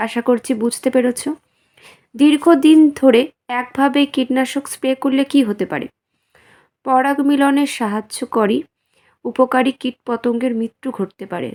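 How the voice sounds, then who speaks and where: Slow-speaking woman teacher, slightly high voice. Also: darkish tone. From West Bengal, India. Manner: asks the class questions and answers them herself. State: feeling unwell, speaking slowly. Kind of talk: slow, simple classroom explanation.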